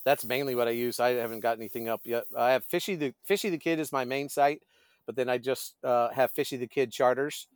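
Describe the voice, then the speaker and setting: A man's voice: medium pitch, steady tone, brisk, smooth, dry recording, clean studio sound. A middle-aged man, a pastor and fishing guide, chatting as a podcast guest and often searching for his words. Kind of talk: casual conversational storytelling.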